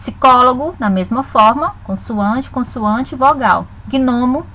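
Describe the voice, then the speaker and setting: Bright high-voiced teacher. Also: female voice, poor audio. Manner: slow, spelled-out dictation of syllables. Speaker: Portuguese teacher. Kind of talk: recorded grammar lesson.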